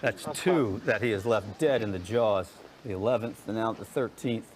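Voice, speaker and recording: A man's voice: on the low side, normal speed, a little hiss or hum. Male golf commentator, short clipped observations.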